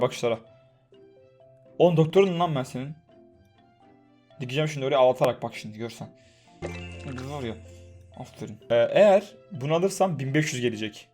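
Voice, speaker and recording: A man's voice: mid-range voice, expressive, fast talker, pauses often, darkish tone, soft background music. A young man giving casual, chatty commentary on a mobile game, joking, swearing for fun and soothing the characters. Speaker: gaming YouTuber.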